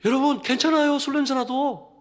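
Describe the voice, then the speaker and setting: A male pastor preaching a sermon in an animated way, throwing rhetorical questions at the congregation with humorous asides. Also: extremely high pitch, brisk.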